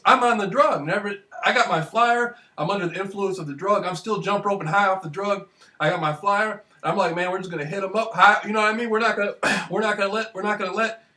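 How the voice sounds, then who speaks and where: A young man from Michigan telling a rambling, excitable story in a casual monologue, swearing now and then. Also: sits high. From Michigan, USA. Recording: voice distant from the mic.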